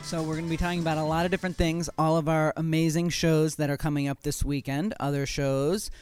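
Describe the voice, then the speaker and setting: A woman's voice: low-pitched, little pitch movement, quick pace, darkish tone, clean tone, soft background music. A woman co-hosting a podcast in casual chat, upbeat and joking as she runs through the week's shows. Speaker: co-host.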